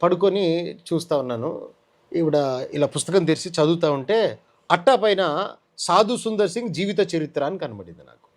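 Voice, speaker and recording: A man's voice: on the high side, expressive, moderate pace, pauses often. A man giving a personal testimony in an interview, telling his story earnestly and acting out the lines of the people in it. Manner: earnest storytelling, acts out quoted dialogue. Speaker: testimony guest.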